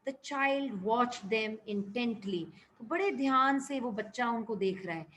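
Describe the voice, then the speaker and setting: A woman's voice: a little high, a bit bright, a little hiss or hum, low-quality recording. A woman teacher reading a story aloud in English and explaining it line by line in Hindi. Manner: reads English lines slowly, then explains in Hindi.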